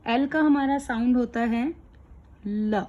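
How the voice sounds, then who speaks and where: A woman teaching young children letter sounds, explaining each one slowly and clearly. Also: on the high side, darkish tone, dull audio, soft background music. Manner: slow, clear, patient explaining. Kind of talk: kids' phonics lesson.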